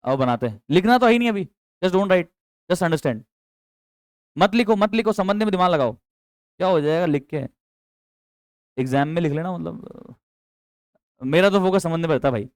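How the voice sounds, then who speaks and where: High-voiced, coaxing male accountancy teacher. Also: animated, normal speed, long pauses, dry recording. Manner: chatty, coaxing, quizzes students with repeated questions; mixes English terms into speech. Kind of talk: classroom lecture.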